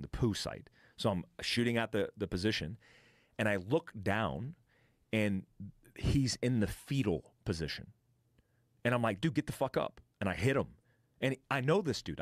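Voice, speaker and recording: Blunt profane man, lowish dry voice. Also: lively intonation, moderate pace, no room sound. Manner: blunt and profane, acts out gunfire and blasts with vocal sounds. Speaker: podcast guest, military veteran. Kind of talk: casual storytelling.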